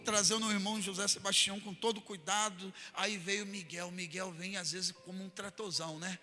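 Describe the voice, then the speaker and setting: A man with a Brazilian Portuguese accent, a pastor preaching a sermon in a church hall and acting out everyday examples with lively energy. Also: high voice, brisk.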